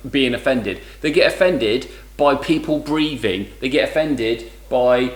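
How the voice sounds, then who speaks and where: A man's voice: medium pitch, animated, unhurried, roomy sound, poor audio. A man co-hosting a podcast, swearing freely and ranting in a jokey, crude banter style. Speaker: podcast co-host.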